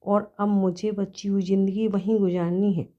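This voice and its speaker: A woman's voice: medium pitch, level tone, normal speed, warm tone, highs cut off, natural voice. A woman storyteller voicing an angry, stubborn older mother-in-law who scolds harshly.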